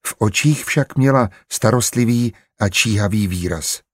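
Low husky male audiobook narrator. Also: no room sound, clean studio sound. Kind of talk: scripted narration.

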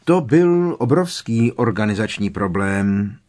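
A man's voice: fairly low pitch, lively intonation, a little mellow, close to an everyday voice. A man voicing a kindly, patient middle-aged wizard father who explains things at length.

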